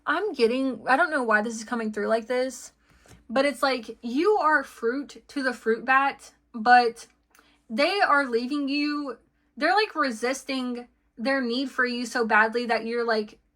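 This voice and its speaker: A woman's voice: high voice, measured pace, fairly bright tone. A woman giving an intuitive tarot reading to her viewers, chatty and full of "okay" and "like" fillers. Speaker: tarot card reader.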